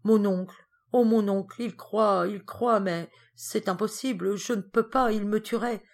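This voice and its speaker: A woman's voice: medium pitch, lively intonation, unhurried, pitched above the performer's own voice. A woman voicing a frail, tearful young girl who speaks in a pleading, breathless way in a storybook reading. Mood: anguished.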